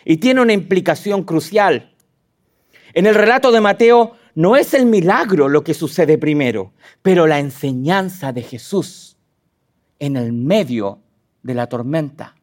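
A man preaching a sermon in a high, sing-song voice that leaps up and down. He talks animatedly and puts direct questions to his listeners. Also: measured pace. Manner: animated, acts out quotes with sudden high dramatic voices.

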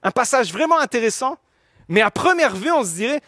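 A man preaching, his voice sitting high for a man and close and dry on the mic. He explains in an earnest, teaching tone, stumbling and restarting phrases as he goes. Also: sing-song, a little fast, sharp tone, no echo. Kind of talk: sermon.

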